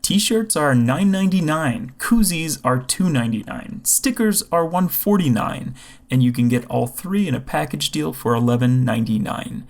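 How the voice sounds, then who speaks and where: A man's voice: animated, moderate pace, vocal fry. Wry man reading a podcast promo. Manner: wry, upbeat pitch. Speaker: podcast announcer. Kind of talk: scripted promo read.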